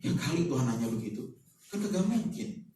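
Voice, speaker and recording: A man's voice: medium pitch, very animated, fairly quick, dark tone, a little hiss or hum. A man preaching a sermon in a casual, joking way, with many rhetorical questions to the congregation. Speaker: pastor. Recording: echoey hall, voice from far off.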